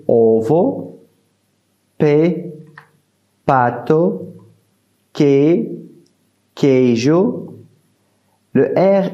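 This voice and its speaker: Slow, mellow-voiced man teaching pronunciation. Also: a little high, dull audio. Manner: slow and deliberate, repeats each example word. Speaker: language teacher. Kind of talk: slow spoken language lesson.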